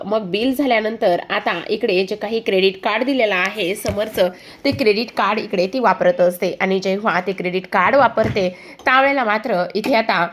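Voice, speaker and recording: A woman narrating a television serial recap, with hesitant fillers and repeated linking phrases. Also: medium pitch.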